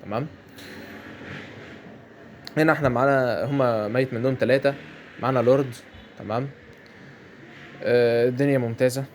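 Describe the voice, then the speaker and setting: A man's voice: medium pitch, steady tone, normal speed, long pauses, a little mellow, slight background noise. A man with an Egyptian Arabic accent giving chatty commentary over a mobile game match, often repeating his phrases. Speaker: gameplay commentator.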